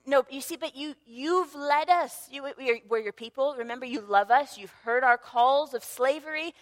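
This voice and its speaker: A woman's voice: sits high, natural voice. Moses, a woman playing an earnest leader. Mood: anxious pleading. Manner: earnest, pleading, quick. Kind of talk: comic church skit acting.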